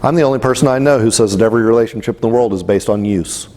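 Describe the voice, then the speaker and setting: A man's voice: fairly low pitch, rapid-fire, a little mellow, long reverb tail. A man giving a motivational talk, telling stories in a blunt, casual way. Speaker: spiritual speaker.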